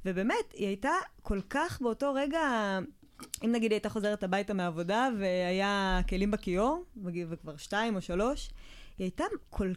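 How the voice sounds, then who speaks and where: A woman's voice: mid-range voice, lively intonation. A woman co-hosting a podcast, chatting casually and explaining ideas through personal stories and step-by-step examples. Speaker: podcast co-host. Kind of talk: casual chat.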